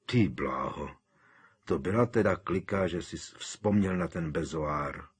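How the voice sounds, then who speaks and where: A man reading a novel aloud, voicing a quiet, thoughtful teenage twin boy with a husky tone. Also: deep voice. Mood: musing. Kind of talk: audiobook character voice.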